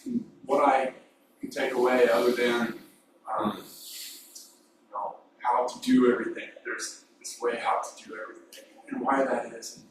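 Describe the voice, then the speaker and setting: A man's voice: medium pitch, flat delivery, a little slow. A man in the audience at a retreat, asking a question hesitantly and thoughtfully, with many fillers. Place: meditation hall, far from the mic. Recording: distant, echoey hall with clear hiss.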